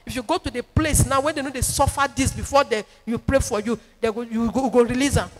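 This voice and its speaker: A woman's voice: a little high, brisk. A woman with a Nigerian English accent preaching a sermon as a prophetess, emphatic and repetitive with sing-song rises. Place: church. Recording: long reverb in a church hall with music.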